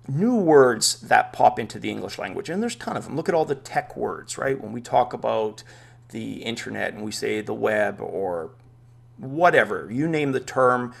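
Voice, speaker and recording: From his home man cave, a man whose first language is Dutch runs an informal VR news show, his medium-pitched voice carrying a creaky texture. He talks eagerly and thinks aloud along the way.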